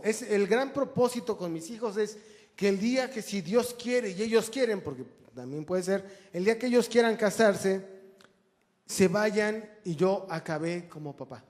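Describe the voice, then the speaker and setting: A pastor with a high, darkish voice delivers a conversational sermon and jokes with the congregation. He's in a church hall, and the recording has a long church reverb.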